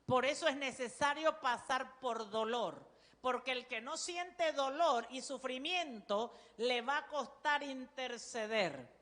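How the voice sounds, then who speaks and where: Woman pastor, Panamanian Spanish accent, sermon delivery, bright and piercing. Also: high-pitched, slow pace, big-room sound. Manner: forceful, loud preaching voice; calls on the congregation to repeat.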